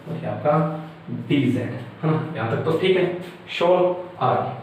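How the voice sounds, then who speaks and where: Man teaching math, slightly high voice, heavy room echo, distant from the mic, faint hiss. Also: animated, measured pace, a little mellow. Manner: explains step by step, repeatedly checks with "है ना". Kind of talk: whiteboard math lecture.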